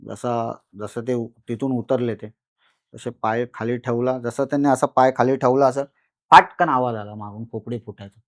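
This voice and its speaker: Animated man telling a horror story. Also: medium pitch, dry recording, clean studio sound. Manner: animated, repetitive, dramatic pauses. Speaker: guest storyteller. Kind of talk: first-person horror story in a podcast conversation.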